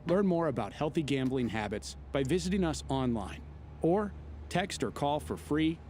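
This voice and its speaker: A man reads a scripted public service announcement. His pitch varies widely, and his tone stays calm and earnest. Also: normal speed, slight background noise.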